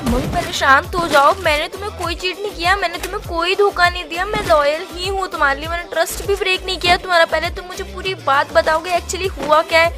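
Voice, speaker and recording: Very high-voiced woman calming someone down. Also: fast, hardly any pauses. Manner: soothing, bewildered. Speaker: girlfriend on the call. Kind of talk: phone-call conversation. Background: background music.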